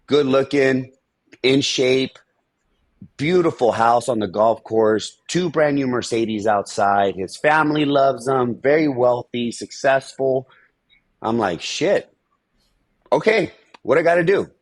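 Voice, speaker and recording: A man's voice: medium pitch, slow pace, no echo. A man on a podcast telling his life story in plain, frank words with some swearing, acting out old conversations. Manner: candid and profane, acts out past conversations. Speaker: podcast guest. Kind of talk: storytelling in an interview.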